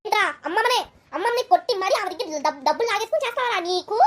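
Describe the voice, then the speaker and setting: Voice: very high-pitched, expressive, racing, very noisy. A voice actor playing a stern middle-aged father scolding his son. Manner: scolding, threatening.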